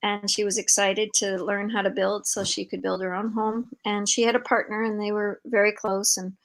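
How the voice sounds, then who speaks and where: A woman's voice: medium pitch, flat delivery, normal speed, poor audio. Older woman hosting a chatty live call. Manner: warm, rambling, with many fillers. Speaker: host and founder of an organization. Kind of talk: casual conversational interview.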